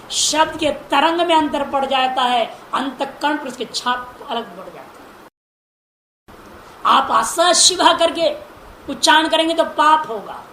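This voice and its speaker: A woman teaching Sanskrit grammar in a classroom lecture, speaking deliberately, repeating word forms and asking rhetorical questions. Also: high-pitched, a bit bright. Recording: roomy echo, faint background noise.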